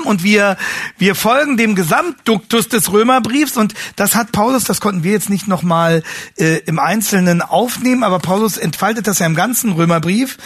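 A man teaching a class on how to preach, earnest and restating his words as he searches for phrasing, rising higher and louder when he stresses a point. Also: dry recording, clean studio sound. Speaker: homiletics teacher. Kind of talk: lecture on preaching.

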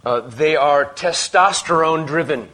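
A man preaching a sermon in short emphatic phrases, pausing after each one for his interpreter. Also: on the high side, sharp tone. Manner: pauses phrase by phrase for translation, emphatic.

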